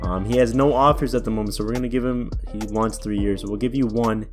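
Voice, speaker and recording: A man's voice: on the low side, fairly even intonation, fast talker. A young man casually commentating a basketball video game, chatty and thinking aloud, with faint music behind him. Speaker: gaming YouTuber.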